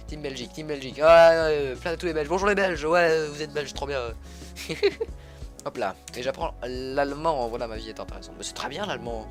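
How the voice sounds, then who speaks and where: Over background music, a chatty young male streamer from Alsace, France, speaking at a medium pitch, provides casual commentary on his gameplay livestream. He greets viewers in chat and tends to interrupt himself, correcting his words mid-sentence.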